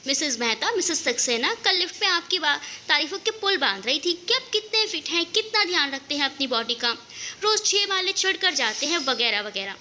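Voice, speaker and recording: Woman doing a witty young woman, storybook reading, high pitch, bright tone. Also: sing-song, brisk, a little hiss or hum, heavily acted. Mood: teasing. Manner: witty, teasing.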